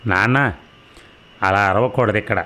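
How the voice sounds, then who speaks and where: Man voicing a calm, coaxing grown son. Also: lowish voice, measured pace. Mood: placating. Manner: soothing, placating.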